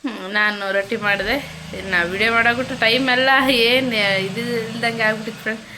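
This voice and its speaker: A woman's voice: a little high, steady tone, fast talker, background noise. A woman chatting casually to her viewers at home in a vlog, repetitive and friendly. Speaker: vlogger. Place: home kitchen.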